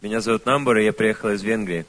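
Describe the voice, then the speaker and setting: A man interpreting a speech, phrase by phrase, quick and with restarts. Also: on the low side, a bit bright. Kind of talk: consecutive interpreting.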